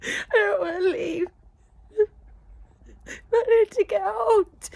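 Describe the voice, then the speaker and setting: A woman's voice: very high voice, takes it slowly, vocal fry, a little mellow. A woman filming a video diary in a panic, short of breath and tearful. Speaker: vlogger. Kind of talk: self-filmed video diary.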